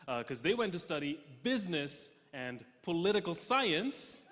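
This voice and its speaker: A young man from Russia doing a stand-up comedy set on stage, deadpan punchlines with sudden loud jumps. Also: a little high, moderate pace. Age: young adult. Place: large theatre stage with audience. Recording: hall reverb, faint noise.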